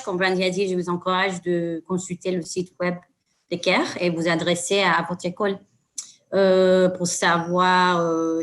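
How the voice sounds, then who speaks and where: A woman with a fairly low voice answers on a panel. Her phrases come haltingly, piece by piece. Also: fairly bright tone. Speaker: panelist representing an organisation.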